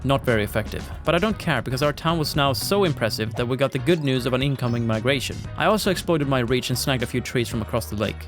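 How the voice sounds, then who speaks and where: A man's voice: medium pitch, lively intonation, fast, few pauses, music in the background. A man reading scripted gameplay narration in a dry, sardonic manner. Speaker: gaming channel host.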